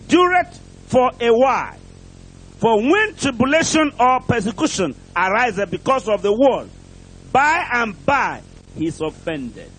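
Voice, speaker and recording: Preaching as a visitor in England, a man from elsewhere delivers an impassioned prosperity sermon from the pulpit, with emphatic short repetitions and rhetorical questions. His pitch is extremely high, somewhat bright and husky, captured on a rough recording.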